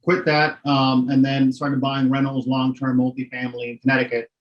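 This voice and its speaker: Appearing as a guest in a casual interview, a middle-aged Miami real estate investor speaks at normal speed in a mid-range voice with little pitch movement. He is frank and matter-of-fact, frequently adding "right?". The audio sounds dull.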